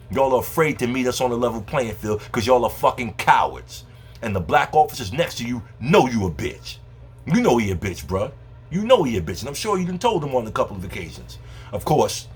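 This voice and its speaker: A man's voice: mid-range voice, a little hiss or hum. A man delivering a heated, profane monologue to camera as a video host. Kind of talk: angry ranting monologue.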